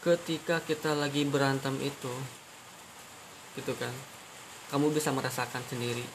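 Earnest halting man, flat voice. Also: medium pitch. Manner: halting, earnest, repeats phrases and restarts often. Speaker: podcast host. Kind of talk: personal monologue addressed to his girlfriend. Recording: steady hiss behind the voice.

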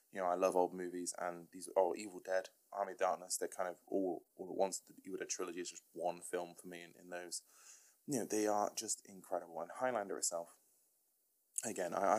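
A man's voice: low-pitched, a little mellow. A man, rambling enthusiastically through a solo podcast, chuckling and swearing casually. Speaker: podcast host.

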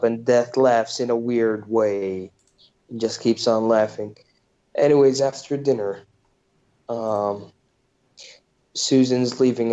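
A man's voice: on the low side, dark tone. A man hosting a podcast, casually retelling a movie plot in a rambling way with lots of fillers. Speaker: podcast host. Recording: dull lo-fi podcast recording.

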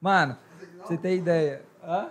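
A man's voice: a little high, unhurried, fairly bright tone. A young Brazilian man chatting casually as a podcast co-host, talking in sweary street slang. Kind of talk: casual chat.

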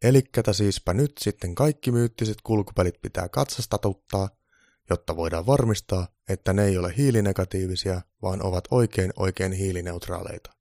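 A man voicing an old Santa Claus who booms cheerful calls and grumbles when puzzled. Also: dark tone, dry recording, studio quality. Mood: reading aloud. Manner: booming exclamations, grumbling mutters.

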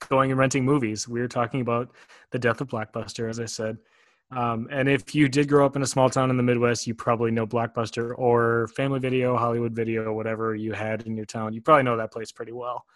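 A man's voice: mid-range voice, a bit bright, dry recording. Man, from Wisconsin, podcast co-host, casual and rambling, laughs easily, dead-dry recording. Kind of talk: casual chat.

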